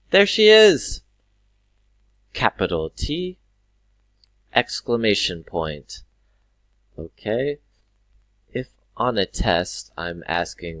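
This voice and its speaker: A man teaching English to learners, drawing out words carefully and breaking into loud acted exclamations. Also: sits low, dry recording. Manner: drawn-out, overly careful pronunciation with sudden loud acted exclamations. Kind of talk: slow, clear teaching for learners.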